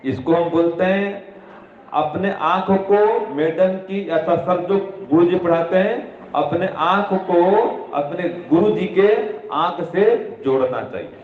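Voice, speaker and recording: Guy with a high voice lecturing kids on study habits, repeats himself a lot, sounds like a phone line. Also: slow pace. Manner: didactic, repeats key points, asks and answers own questions. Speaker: religious teacher addressing students. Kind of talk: spoken moral instruction. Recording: echoey room over a tinny phone-like line.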